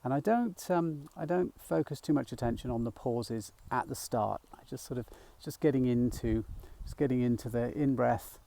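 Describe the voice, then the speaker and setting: A middle-aged man talking gently while walking outdoors, a little out of breath, rambling with fillers as he guides a mindfulness practice. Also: mid-range voice, moderate pace, gravelly, few pauses. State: slightly out of breath. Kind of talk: casual walking vlog. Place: outdoors in a field by a small woodland.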